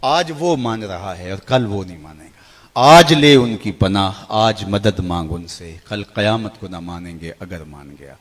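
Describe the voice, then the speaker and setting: A preacher in middle age gives a sermon full of emotion. He swings between soaring outbursts and soft, hushed moments, chanting verses slowly.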